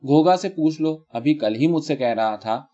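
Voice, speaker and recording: A man voicing a mischievous, teasing young female nurse in a read-aloud story, with quick retorts. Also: a little high, animated, mellow, muffled recording, natural voice.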